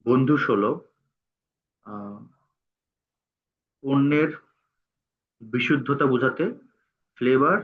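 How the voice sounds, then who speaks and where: A man, teaching a tutorial and dictating word by word as he types. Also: mid-range voice. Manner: halting, dictates word by word while typing. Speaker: instructor. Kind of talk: screen-recorded tutorial. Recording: tinny phone-like sound.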